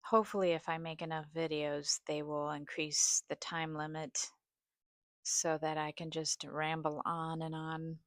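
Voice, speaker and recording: A woman speaks slowly in a slightly low voice with vocal fry that can turn scratchy. She is halting and hesitant, pausing often as she rambles through a personal vlog. The sound is close and dry. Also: flat delivery, no echo. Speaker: video host. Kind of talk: rambling personal vlog, partly reading a study aloud.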